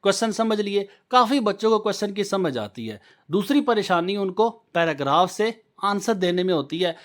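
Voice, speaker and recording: A man's voice: high-pitched, animated, normal speed, a bit bright. A man, teaching an exam-prep lesson. He is earnest and reassuring. He goes over each point step by step and repeats it. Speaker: English teacher.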